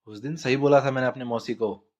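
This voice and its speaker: A man's voice: medium pitch, steady tone, a little fast. A man from India telling crude comic stories in a blunt, profane, conversational way. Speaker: storyteller. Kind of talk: crude comedic monologue.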